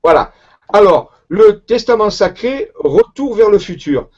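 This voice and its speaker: A man's voice: high voice, animated, measured pace, a little mellow, lo-fi sound. A man with a Marseille accent, speaking as an interview guest in a hesitant way, with lots of fillers and restarts. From Marseille, southern France. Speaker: guest researcher. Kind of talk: conversational interview.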